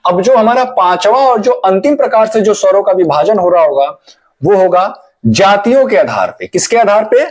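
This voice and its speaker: A man with a high-pitched, expressive voice teaches an exam-prep grammar lesson at a normal speed. He poses questions and answers them himself, repeating each key term, and talks to viewers as if they were friends.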